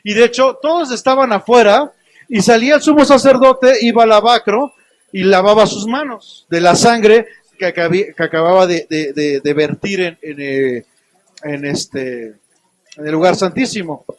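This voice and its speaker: A man's voice: high voice, normal speed, no room sound. A man preaching a conversational sermon with a Mexican Spanish accent, often asking his listeners questions. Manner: conversational, asks the congregation questions.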